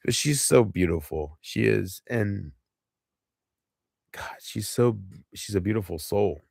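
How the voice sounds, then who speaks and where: A man's voice: lowish voice, takes it slowly, vocal fry, a little mellow, dry recording, studio quality. A man livestreaming alone, talking drunk, rambling and profane with his chat.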